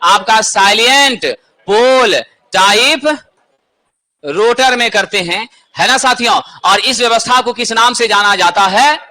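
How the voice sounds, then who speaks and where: A man's voice: sits high, a little slow, pushed and bright. A man teaching an exam-prep lesson, asking questions and answering them himself.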